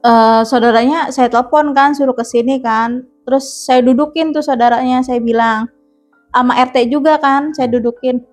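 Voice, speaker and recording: A woman, telling a ghost story as a guest in an animated way. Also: high-pitched, normal speed, faint music behind. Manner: animated, vivid retelling with acted-out quotes. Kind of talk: casual spoken ghost story.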